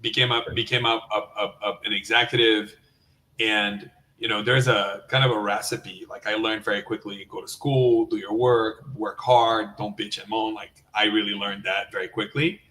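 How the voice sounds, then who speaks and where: A man's voice: on the low side, fairly even intonation, moderate pace, bright, forceful tone. A man from Brazil, a guest in a casual live chat, eagerly agreeing and restarting his sentences.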